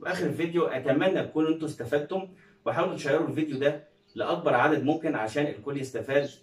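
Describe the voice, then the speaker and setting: A man with an Egyptian Arabic accent teaching English pronunciation, drilling words one by one and asking questions he answers himself. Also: a little high. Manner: drills words slowly, asks and answers his own questions. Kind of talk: pronunciation lesson. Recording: roomy echo, mic at a distance.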